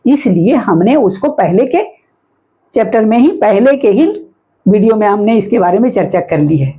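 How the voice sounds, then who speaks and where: Husky-voiced woman teaching phonics patiently. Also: medium pitch, expressive, warm tone, low-quality recording. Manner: patient, repetitive explaining with frequent "है ना" checks; sounds out words slowly letter by letter. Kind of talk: phonics lesson explaining syllables.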